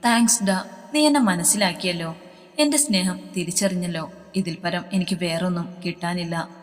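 A woman's voice: on the low side, normal speed, lightly acted. A woman voicing an earnest young male college student who pleads his love, in a storybook reading. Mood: pleading. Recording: long reverb.

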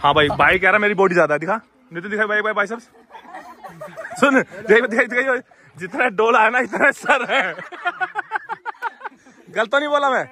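A man's voice: high-pitched, moderate pace, pauses often, some chatter behind. A man vlogging outdoors at a hilltop fort, joking and chatting with passersby. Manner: excitable, joking, calls out to strangers. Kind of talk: casual vlog chat with passersby.

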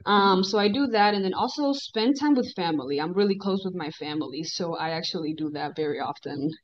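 A woman in her twenties from the Dominican Republic, a guest on a podcast, talking in a friendly, relaxed way over a video call. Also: on the low side, fairly quick, slight background noise. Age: 20s. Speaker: guest, esthetician. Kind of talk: casual interview chat. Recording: dull video-call audio.

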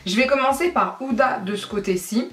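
A fairly high-voiced woman from France talks viewers through a makeup tutorial in a loose, chatty way. She narrates each step as she goes, sprinkling in fillers. The room around her sounds bright and echoey. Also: fairly quick. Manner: chatty, explains as she works, frequent fillers. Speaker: beauty vlogger. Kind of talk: casual makeup tutorial chat.

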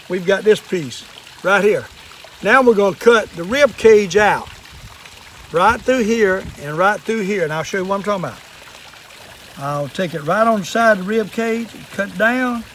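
This older Southern man, 60s or above, shows how to fish and clean fish in a relaxed outdoor demonstration at a table in a wooded yard. He has a high-pitched, somewhat bright voice and the plainspoken manner of an old fisherman. Slight background noise can be heard.

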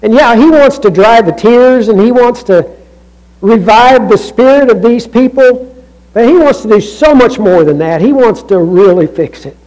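A man preaching a sermon as a pastor in a church, talking in a conversational way with restarts and asides, swinging from raised emphasis down to near-hushed lows. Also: moderate pace, low-quality recording.

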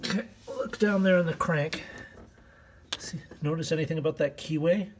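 A home mechanic vlogger, a man with a slightly high, smoke-scratchy voice, talks at a moderate pace while casually working through a car repair in his indoor garage. He rambles with lots of fillers as he handles parts, filming on a phone camera he holds.

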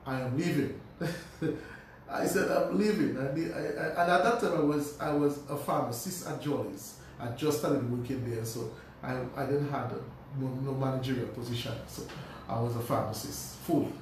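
A man, a pharmacist telling his life story as a radio guest, animated, restarting and repeating words. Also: mid-range voice, moderate pace, distant mic. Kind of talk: personal storytelling in a radio interview. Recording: very echoey room, voice from off-mic, faint noise.

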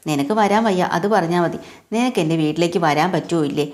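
Woman doing a sulky young guy, fast and low, kinda accusing. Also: darkish tone, close to an everyday voice. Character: sulky demanding young man, boyfriend.

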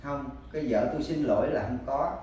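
A man from Cà Mau with a southern Vietnamese Mekong Delta accent, telling in a halting, repetitive way how he has searched for his wife. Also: medium pitch, mellow. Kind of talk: personal account in an interview. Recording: very echoey, distant, faint background noise.

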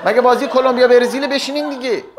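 A man's voice: very high-pitched, fairly even intonation. A man hosting a comedy show, delivering a stand-up monologue and teasing the audience with jokes. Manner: teasing, joking banter with the audience.

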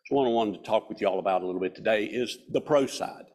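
A man in his sixties with a Southern mountain Appalachian accent, giving a folksy, self-deprecating, informal club speech in a husky voice. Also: lowish voice, fast talker, a little mellow. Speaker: guest speaker. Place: hall stage at a podium. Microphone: podium microphone.

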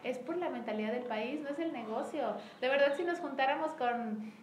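A Mexican woman leading a sales team meeting in casual motivational talk, acting out quoted dialogue with lively shifts. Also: high-pitched, normal speed. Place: room with a small group present. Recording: echoey room, faint background noise.

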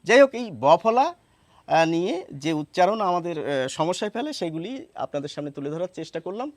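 A man teaching a lesson, explaining step by step and repeating words slowly to show how they sound. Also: high-pitched, lively intonation, no room sound. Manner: explains step by step, asks rhetorical questions.

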